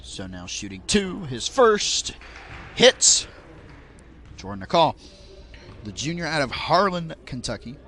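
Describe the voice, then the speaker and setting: High bright young basketball announcer. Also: male voice, very animated, slight background noise. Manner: rapid auctioneer-like calling, rising on big plays. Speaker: play-by-play commentator. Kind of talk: basketball play-by-play commentary.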